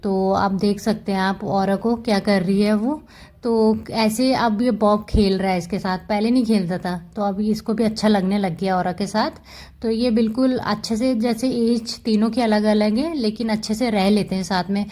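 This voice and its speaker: Woman, mellow warm tone, casual pet vlog voice-over, chatty and fond. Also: medium pitch, fairly even intonation, normal speed. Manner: chatty, fond, explains with "dekho" asides. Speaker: cat vlogger. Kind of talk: casual voice-over about her cats.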